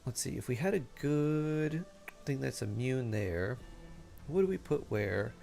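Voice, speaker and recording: A man's voice: medium pitch, animated, a little slow, creaky, dark tone, faint music behind. A man streaming a game casually, thinking aloud and chatting to viewers, with playful sing-song sound effects.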